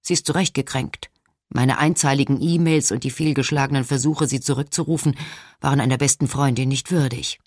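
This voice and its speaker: A woman reading a novel aloud in the first person as an audiobook narrator, measured and expressive. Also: extremely low pitch, no echo, studio quality.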